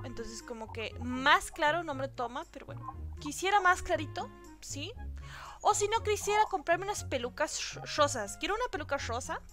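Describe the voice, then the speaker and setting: A young woman with a Santiago del Estero Argentine accent runs a casual fan Q&A for her gaming channel. Her voice sits high and sounds bright and lively. She chats in a giggly way and reads each question aloud before she answers it. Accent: Santiago del Estero Argentine Spanish. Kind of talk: casual Q&A chat.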